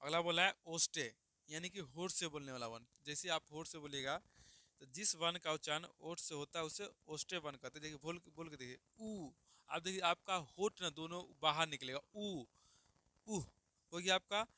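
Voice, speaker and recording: A man's voice: on the high side, bright, forceful tone, dry recording. A man teaching a grammar lesson, who keeps asking his listeners questions, answers them himself and sounds out each letter for them to repeat. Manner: sounds out letters slowly for students to copy.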